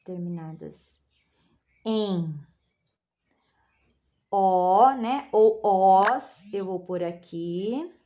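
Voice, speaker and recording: A Brazilian woman teacher patiently explains a lesson to children in Brazilian Portuguese, spelling out syllables and checking in with them frequently. Her medium-pitched, dark-toned voice moves extremely slowly with long pauses, and the recording's highs are cut off; it is a recorded classroom lesson.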